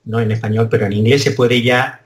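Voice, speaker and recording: A man's voice: mid-range voice, steady tone, a little fast, reverberant. A man from Spain with a Spanish accent, a translation professor answering interview questions thoughtfully, with hesitant restarts. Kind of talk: conversational interview.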